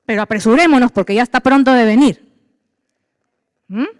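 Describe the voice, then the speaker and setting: High-voiced woman preaching a sermon. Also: normal speed, no echo, studio quality, big-room sound. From Peru. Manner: animated preaching, acting out voices of believers and God. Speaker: pastor.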